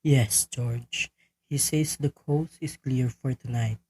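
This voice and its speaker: A man's voice: mid-range voice, fairly even intonation, slow, warm tone, slight background noise, natural voice. A man playing a methodical criminal go-between in a radio play, giving instructions in a businesslike way. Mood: businesslike, secretive.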